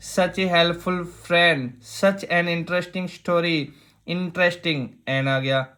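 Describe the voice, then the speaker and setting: A man's voice: mid-range voice, fairly bright tone. A man teaching an exam-prep grammar lesson, explaining step by step, asking rhetorical questions and repeating key points.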